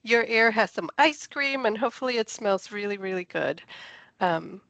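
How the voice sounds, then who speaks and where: A woman's voice: mid-range voice, animated, moderate pace, gravelly, a bit bright, dry recording. A woman from Puerto Rico, a scientist giving a friendly, chatty online science talk over a video call. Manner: enthusiastic, chatty, laughs easily. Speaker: NASA project scientist presenter.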